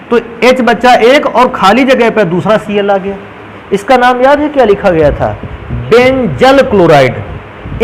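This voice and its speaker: Guy teaching chemistry, high voice, quizzes the class then answers himself, faint hiss behind. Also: poor audio. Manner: calls students "beta", asks questions and answers them himself. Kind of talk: classroom lecture.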